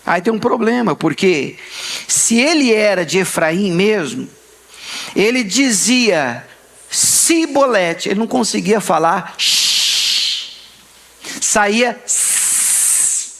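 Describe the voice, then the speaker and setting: A man's voice: high voice, animated, slow pace, gravelly, pauses often, pushed and bright. A man with a Brazilian Portuguese accent, preaching a sermon in church, emphatic and repeating key words while asking the congregation for responses. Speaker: pastor. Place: church sanctuary.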